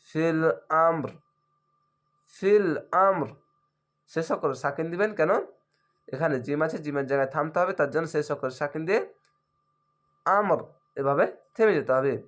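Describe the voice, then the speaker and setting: A man teaching Quran reading, drawing out each word slowly in a chant, then explaining the rules in quick plain speech. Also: fairly high pitch. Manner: drawn-out chanting of words between quick explanations. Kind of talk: slow spelled-out recitation lesson.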